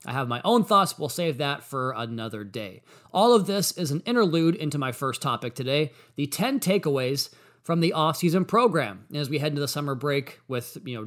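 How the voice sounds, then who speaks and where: A man's voice: a little high, fairly bright tone. An American man hosting a sports podcast, talking in a monologue.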